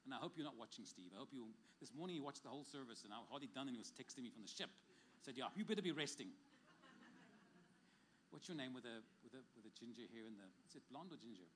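A man in the middle of a church service, giving personal prophetic words to people in the congregation. He talks at a rapid clip, emphatic, with quick jokes along the way. A faint hum of the room sits under his voice. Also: medium pitch, lively intonation, a bit bright. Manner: fast, emphatic, joking asides.

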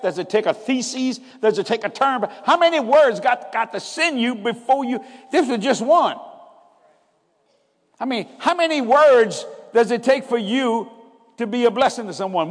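High-voiced man in a hall. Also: expressive, normal speed. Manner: preaching with call-and-response emphasis. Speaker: preacher. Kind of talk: sermon.

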